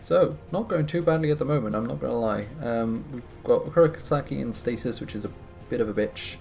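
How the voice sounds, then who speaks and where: A man giving relaxed, wry commentary on his gameplay, sounding a bit tired. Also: mid-range voice, a little fast, vocal fry. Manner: relaxed, wry, thinking aloud. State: tired, yawning. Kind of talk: casual let's-play commentary. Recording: music playing behind.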